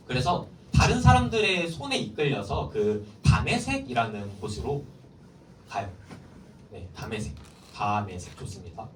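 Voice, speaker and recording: This youth pastor speaks at medium pitch, animatedly weaving stories and firing questions at a group of middle schoolers in a church hall. There's slight background noise, and the distant mic picks up the hall's echo and faint ambience.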